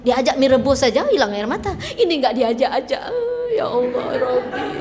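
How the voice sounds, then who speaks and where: A middle-aged woman preacher gives a lively religious talk, acting out spouses' lines and mixing in English phrases. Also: sits high, big-room sound, a little hiss or hum. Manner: animated, mixes in English phrases, acts out couples' lines.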